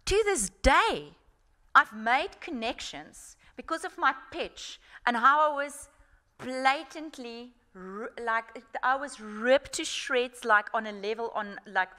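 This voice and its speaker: A middle-aged South African woman tells stories at a festival workshop with a bright, forceful voice. She talks frankly and informally, full of energy. Her pitch sits in a middle range. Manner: animated storytelling, frank and informal. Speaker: guest speaker.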